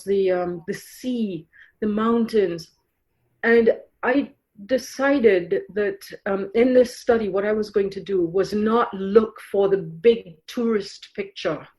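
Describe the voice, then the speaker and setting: A middle-aged woman from Trinidad, a guest author in a podcast interview, speaks reflectively with a medium-pitched, darkish voice. Her speech is full of fillers and restarts.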